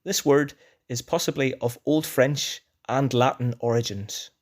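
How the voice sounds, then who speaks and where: A man's voice: mid-range voice, steady tone. Northern Irish man reading an educational script. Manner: measured dictionary-style delivery with definitions and examples. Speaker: language teacher presenting a word list.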